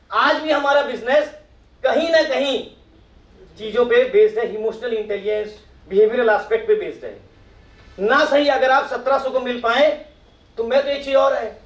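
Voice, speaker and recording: Middle-aged male speaker at a professional meet; quizzes the room, high pitch, distant roomy sound. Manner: asks the audience questions and acts out their replies. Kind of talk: motivational talk to an audience. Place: meeting hall with audience. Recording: echoey hall, mic from far off.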